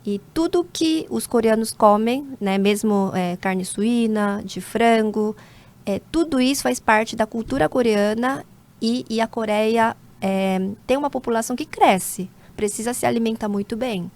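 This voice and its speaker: This woman in her forties was born in South Korea and speaks like a corporate lawyer. Her pitch is fairly high and her tone darkish, and she answers interview questions in an unhurried, measured way. She pauses often, with small hesitation fillers while she gathers her thoughts.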